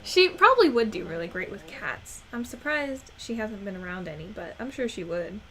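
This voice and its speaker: A woman's voice: medium pitch, big pitch swings, normal speed, fairly bright tone. A woman chatting casually on a stream, laughing often and cooing at her dog in a sing-song voice. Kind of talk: casual chat while showing crafts and playing with her dog.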